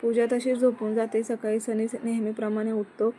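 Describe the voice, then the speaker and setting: A woman narrating a romantic story in a measured reading voice. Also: on the high side, flat delivery, dark tone, slight background noise.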